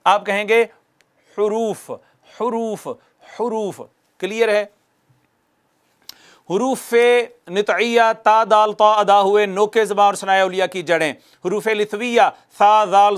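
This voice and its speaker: High-voiced man teaching recitation. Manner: drills by repeating and answering his own questions; demonstrates letter sounds slowly and repeatedly. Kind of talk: recorded video lecture.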